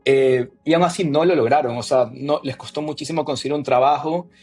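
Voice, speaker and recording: A man in his thirties from Ecuador, a podcast guest telling his story in relaxed casual conversation with frequent fillers. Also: medium pitch, fairly quick, faint music behind.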